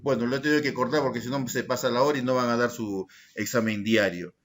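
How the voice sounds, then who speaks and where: A man teaching a secondary school language lesson in an online class, explaining slowly and checking in with his students by asking short questions. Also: medium pitch, steady tone, fairly bright tone. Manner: slow, deliberate explaining, tag questions to students.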